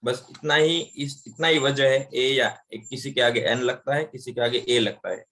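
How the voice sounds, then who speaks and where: A man's voice: medium pitch, steady tone, normal speed, fairly bright tone. Male English teacher, patient explainer who drills examples aloud. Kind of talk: online class lesson.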